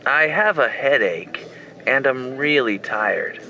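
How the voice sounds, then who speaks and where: A man's voice: medium pitch, lively intonation, slow, bright, forceful tone, muffled recording, exaggerated voice. An actor voicing a young man calling to cancel plans because he feels sick, in a careful textbook-audio delivery. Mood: apologetic.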